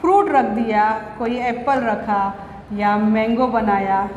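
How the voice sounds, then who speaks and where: Brief: female teacher, Indian accent, unhurried and deliberate, repeats and quizzes, long reverb with faint hiss. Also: fairly high pitch, a little mellow, lo-fi sound. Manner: slow, deliberate, repeats and asks questions back. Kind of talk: classroom lesson, mixing Hindi and English.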